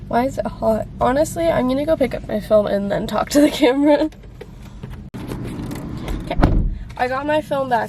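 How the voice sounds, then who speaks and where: A woman in her twenties vlogs to camera from her car and around town, chatting and rambling casually. Her voice is on the high side and gravelly, congested and phlegmy from a cold, with background noise behind her.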